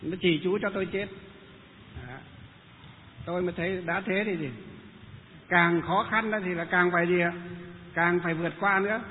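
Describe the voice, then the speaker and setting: A man's voice: high-pitched, normal speed, long pauses. A man who is a Buddhist monk, telling a story and asking himself questions. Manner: lively, rhetorical questions. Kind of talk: storytelling talk. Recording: tinny phone-like sound with long reverb and faint noise.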